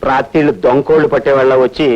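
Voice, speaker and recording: A man's voice: medium pitch, flat delivery, rapid-fire, close to an everyday voice. An actor playing a henpecked young man who whines in comic self-pity. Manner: whining, self-pitying comic pleading. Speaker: film actor. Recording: dull film soundtrack with music.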